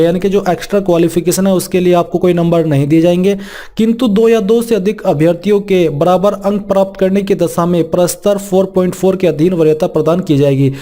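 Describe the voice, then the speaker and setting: A man with a high-sitting, dark-toned voice presents an informal walkthrough explaining a job vacancy. He reads the formal text aloud and then restates it in plain terms.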